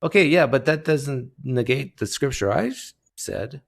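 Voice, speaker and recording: A man hosting a casual online debate call. He talks loosely, with a joking, drawn-out delivery, at an ordinary middle pitch. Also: lively intonation, creaky. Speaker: host of an open online hangout.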